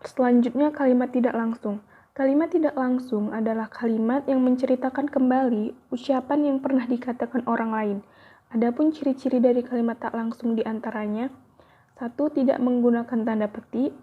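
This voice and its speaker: A woman's voice: on the high side, fairly even intonation, fairly quick, husky. A young woman, a university student, reads a grammar lesson aloud carefully, with small slips. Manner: careful, evenly paced reading with small slips. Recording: tinny phone-like audio.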